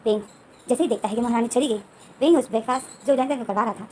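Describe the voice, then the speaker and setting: A woman's voice: a little high, fast talker, a little mellow, a little hiss or hum, low-quality recording. A woman casually retelling a romance story scene by scene, with loose, repetitive phrasing and frequent restarts.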